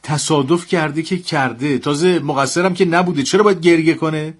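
An actor playing a caring family father in a radio drama, husky-voiced and fussing over his wife and children. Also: fairly high pitch, close to an everyday voice. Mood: worried. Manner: fussing, tender and reassuring. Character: caring middle-aged family father, soft-hearted.

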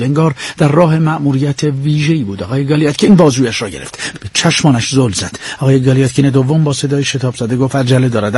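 A man narrates a novel as an audiobook in a husky, measured voice. He drops to a hush in the quiet scenes. The recording is close and dry, with no room sound. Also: mid-range voice, no echo.

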